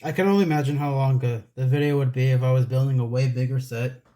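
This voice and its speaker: A man's voice: mid-range voice, fairly even intonation, quick pace. A man in his late twenties chatting casually while building a model set, rambling, laughing at himself, breathing audibly into the mic. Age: 20s. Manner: rambling, self-deprecating, laughs often; soft, breathy close-mic talk. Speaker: Lego building vlogger.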